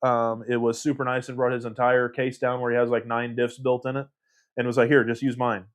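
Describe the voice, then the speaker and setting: A man's voice: medium pitch, flat delivery, a little fast, clear, resonant tone. Rambling, laughing man hosting a livestream. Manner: rambling, self-deprecating, laughs often. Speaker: livestream host. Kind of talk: casual livestream chat reading comments.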